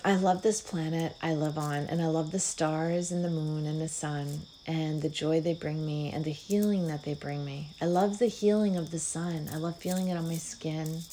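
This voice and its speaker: Low-voiced woman hosting a gratitude podcast. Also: a little hiss or hum, rough recording. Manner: slow, soft, affirming, with warm sighs and hums. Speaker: podcast host. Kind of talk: spiritual gratitude monologue.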